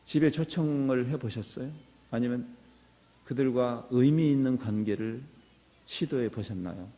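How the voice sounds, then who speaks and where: A middle-aged pastor preaches a sermon in a church sanctuary, his medium-pitched, mellow voice unhurried as he moves from earnest teaching toward impassioned exhortation. The recording carries the reverberation of a church hall.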